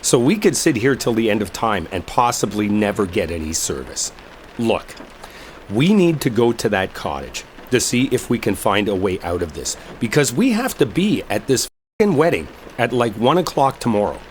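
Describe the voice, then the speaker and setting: Playing an exasperated, sarcastic guy stranded with a disliked coworker, a man performs one side of a roleplay audio drama argument at normal speed in a voice on the low side. He's insistent, heated and sarcastic, swearing as he goes, with steady rainstorm ambience behind him.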